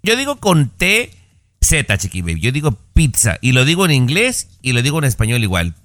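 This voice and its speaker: A man's voice: mid-range voice, huge pitch swings, fairly quick, fairly bright tone, no echo. A man co-hosting a casual talk show, full of jokey, slangy banter. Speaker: co-host.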